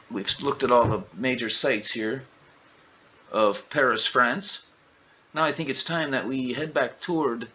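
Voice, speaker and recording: A gaming channel host with a medium-pitched, pushed and bright voice jokes casually and exclaims while commentating on a flight simulator. The audio is dull and lo-fi, with faint ambience.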